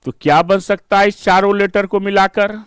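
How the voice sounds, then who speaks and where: A man's voice: sits high, flat delivery, normal speed, fairly bright tone, clean tone, no echo. A man with an Indian accent teaching an exam-prep reasoning lesson, explaining step by step in mixed Hindi and English and checking in with rhetorical questions.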